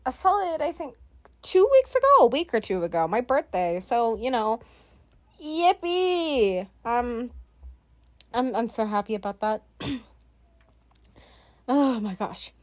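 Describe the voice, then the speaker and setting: A woman's voice: on the high side, sing-song, a little slow, pauses often, darkish tone. A teenage girl hosting her own podcast, rambling casually with lots of fillers, giggles and self-deprecating asides. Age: teens. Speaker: podcast host. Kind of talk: casual solo podcast chat.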